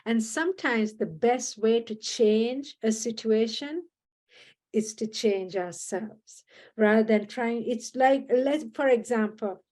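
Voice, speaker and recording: A woman from Sri Lanka, talking in an earnest, measured way as a guest in a reflective podcast conversation, often restarting her sentences. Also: fairly high pitch, darkish tone.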